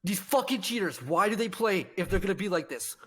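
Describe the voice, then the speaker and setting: A man's voice: high-pitched, lively intonation, fairly quick, sharp tone, a little hiss or hum. A man teasing a friend on a casual podcast, with a mocking tone. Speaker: podcast co-host.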